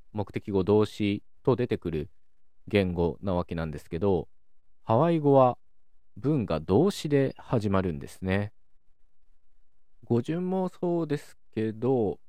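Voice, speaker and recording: Low-voiced male host, calm and lively in pitch, dry recording, for an educational monologue. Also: clear, resonant tone, dry recording. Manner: calm, explanatory, lively intonation. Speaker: podcast host explaining linguistics. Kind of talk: calm solo educational talk.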